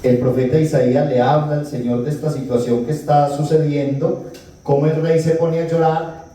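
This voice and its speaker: A man's voice: a little high, level tone, normal speed, mellow. A man giving a retreat talk as a priest, telling scripture stories and acting out the dialogue with humor. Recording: echoey hall, distant mic, faint noise.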